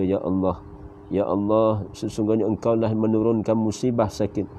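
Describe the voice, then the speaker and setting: A Malaysian man with a Malaysian Malay accent leading the closing supplication of a sermon, reciting prayers in a steady chanting flow. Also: lowish voice. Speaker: religious teacher leading prayer. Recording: muffled lo-fi audio with faint hiss.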